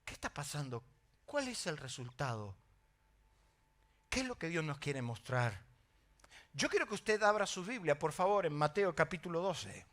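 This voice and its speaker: A middle-aged Argentine man preaching a sermon as pastor, telling stories in an animated way with emphatic exclamations. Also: on the high side, moderate pace, pauses often. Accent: Argentine Spanish.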